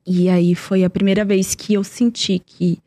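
A woman's voice: medium pitch, level tone, a little slow, mellow, dry recording. A young woman telling a personal story in earnest, repeating words for emphasis. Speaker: guest.

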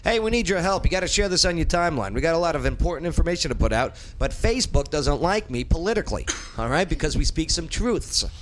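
Animated man hosting a talk show. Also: on the high side, fast, few pauses, a little hiss or hum. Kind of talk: casual live radio banter. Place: radio studio.

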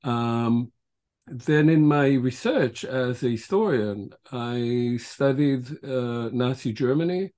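Older male academic guest from Israel, sixties, mellow tone, measured and halting delivery. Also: mid-range voice. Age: 60s. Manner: measured, frequent filler pauses. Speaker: guest author and historian. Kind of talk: podcast interview answers.

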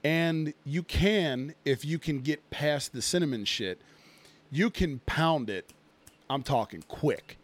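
A man's voice: on the high side, expressive, takes it slowly. A man in his thirties co-hosting a casual podcast, rambling and swearing through a long drinking story. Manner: rambling, profane, many fillers. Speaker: podcast co-host. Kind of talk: casual chat.

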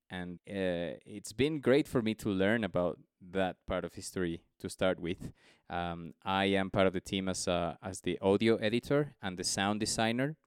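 A man's voice: low voice, smooth, no echo. A man from Ecuador introducing himself as a sound designer, upbeat and eager with some hesitation. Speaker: audio editor and sound designer. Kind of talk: casual video-call introduction. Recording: dry, close sound.

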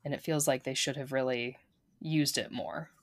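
A woman co-hosts a casual podcast, her voice sitting very low for a woman. She talks loosely, laughing often and filling gaps with "like" and "um.". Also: steady tone, normal speed. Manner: chatty, laughs often, lots of fillers. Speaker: podcast co-host.

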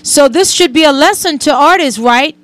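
A woman's voice: high-pitched, moderate pace, dry recording. A woman hosting a radio interview, chatty and hedging as she tells a story. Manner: chatty, repeats hedging words. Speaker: radio host. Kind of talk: casual interview.

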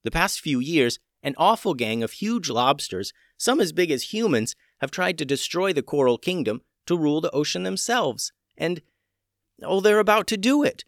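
An urgent, earnest young mermaid woman, her lively voice lifting with each worry, as a man plays her in a storybook. The sound is dry and close. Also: fairly high pitch, normal speed, no echo, pitched above the performer's own voice.

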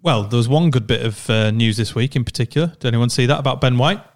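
Fast-talking football podcaster. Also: male voice, medium pitch. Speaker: podcast co-host. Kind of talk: casual football podcast chat.

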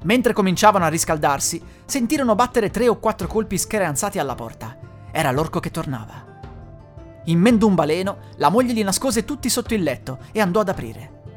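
An expressive storyteller reading a classic fairy tale aloud, with dramatic delivery. The voice moves through a wide range of pitch. Faint music plays underneath. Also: brisk.

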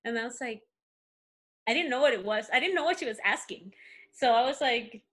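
Chatting as a podcast guest, a woman with a Spanish accent, a native Spanish speaker, tells stories animatedly and uses lots of fillers in casual conversation. Her voice is husky and fairly high-pitched, and she talks a little fast.

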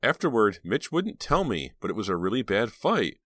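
A man's voice: on the low side, very animated, normal speed, fairly bright tone, dry recording, voice pushed up. Man playing a determined teen girl detective, urgent and insistent, dry close read. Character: earnest teenage girl sleuth, determined. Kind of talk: audiobook character voice.

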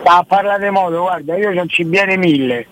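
A middle-aged man with a Roman accent calling a radio show, chatting colloquially and haltingly, repeating himself. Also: sits high, a bit bright, slight background noise, poor audio. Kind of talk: casual chat.

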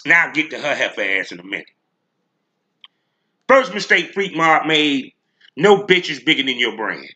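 A man with a very bright, forceful voice at a middling pitch hosts a solo show. He rants straight to his listeners in blunt, slangy language, swearing freely and leaning hard on his points. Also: very animated, normal speed, pauses often. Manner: blunt, profane, slangy, emphatic. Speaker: podcast host.

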